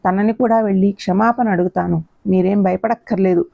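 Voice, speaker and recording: A woman's voice: mid-range voice, steady tone, a little fast, gravelly, dry recording, natural voice. A woman reading the lines of a shy young woman who apologizes through tears, in a storybook reading. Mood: tearful. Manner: apologetic, tearful pleading. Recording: dull lo-fi recording.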